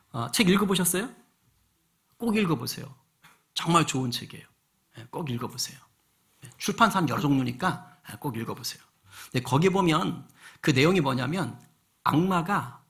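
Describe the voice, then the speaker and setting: A male senior pastor giving a lively sermon in church, acting out voices and asking the congregation questions. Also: a little high. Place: church sanctuary.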